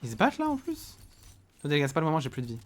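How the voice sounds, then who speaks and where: Guy streaming a game live, super excitable, voice jumps all over the place. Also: a little high, racing. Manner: excitable, swings from loud exclamations to muttering. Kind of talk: live gameplay commentary.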